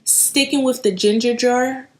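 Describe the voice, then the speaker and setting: Her voice sits on the high side, with fairly even intonation, a measured pace, and a darkish tone. A Haitian-born home decor vlogger in her late thirties who isn't a native English speaker, she enthusiastically walks "you guys" through her thrift finds in a casual show-and-tell.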